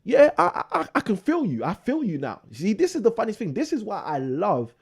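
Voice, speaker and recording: A man's voice: sits high, huge pitch swings, a little fast, gravelly, slightly rough. A man hosting a live property investing show, delivering a preachy motivational monologue that repeats phrases for emphasis.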